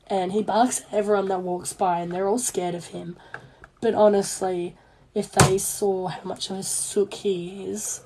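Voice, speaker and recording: A young Australian crafter who runs a small business livestreams from her indoor sewing workspace, talking casually while she works. Illness has left her voice hoarse and failing, though she stays unhurried, medium-pitched and level, rambling in an informal, self-deprecating way. Background clicking marks the noisy room.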